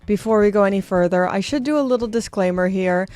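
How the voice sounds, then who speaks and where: A young woman with a Canadian accent talks through a watch review in a chatty, upbeat way. She pokes fun at herself as she goes, in a casual host voice of middling pitch. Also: fast talker, darkish tone, faint music behind. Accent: Canadian English. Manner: chatty, self-deprecating, upbeat.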